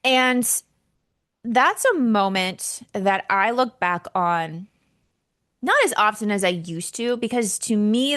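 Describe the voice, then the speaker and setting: A woman in her thirties tells her own story as a solo podcast host. She talks in a frank, casual way and swears now and then. Her voice sits at an ordinary middle pitch. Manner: candid, animated, casual swearing. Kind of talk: personal storytelling monologue.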